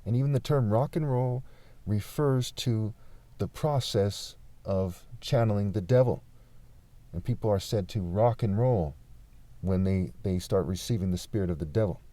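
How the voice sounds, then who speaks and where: A man from California talking insistently in an unscripted vlog monologue, pausing often with fillers. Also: on the low side, mellow, no room sound. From California, USA. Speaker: vlogger.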